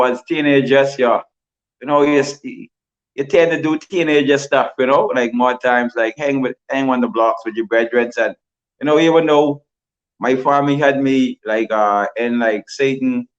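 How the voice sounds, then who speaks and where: A man's voice: medium pitch, muffled recording. A Bahamian man giving a livestream interview, rambling and repeating himself with lots of "you know". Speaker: guest.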